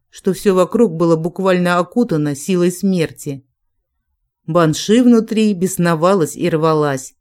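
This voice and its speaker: An audiobook narrator reading a fantasy novel in an even, unhurried manner. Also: mid-range voice. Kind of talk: scripted narration.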